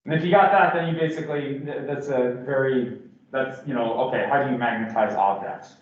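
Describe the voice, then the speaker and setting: A physics lecturer with a medium-pitched voice speaks fairly quickly, with a sore throat and slightly slurred words. His casual classroom lecture is full of restarts and fillers, recorded in an echoey lecture hall with dull lo-fi sound and a little hiss or hum.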